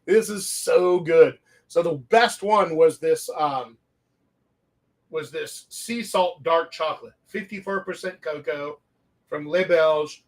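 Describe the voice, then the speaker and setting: A man from Louisiana hosts a casual wine-tasting talk with a somewhat higher voice. He rambles from story to story and chuckles often. Now and then he talks while chewing. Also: slow. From Louisiana, USA. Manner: talks with his mouth full while eating. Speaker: wine shop owner and show host.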